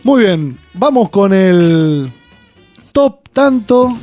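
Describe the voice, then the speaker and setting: A man's voice: high-pitched, big pitch swings, very slow, mellow, faint music behind. An Argentine man hosting a radio show, joking in casual banter and hesitating a lot. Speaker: radio host.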